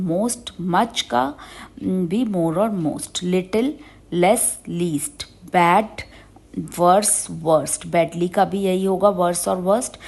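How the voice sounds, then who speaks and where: A woman teaching a grammar lesson. She reads English word lists slowly, then explains quickly in Hindi. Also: on the low side, a little mellow. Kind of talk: grammar lesson reading out examples.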